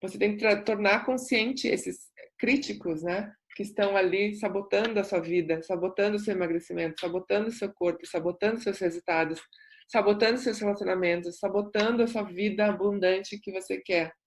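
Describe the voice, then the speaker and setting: A woman's voice: medium pitch, steady tone, brisk. Lady talking earnestly about self-love, reflective, repeats stuff for emphasis. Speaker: self-development coach. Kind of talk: personal testimony monologue.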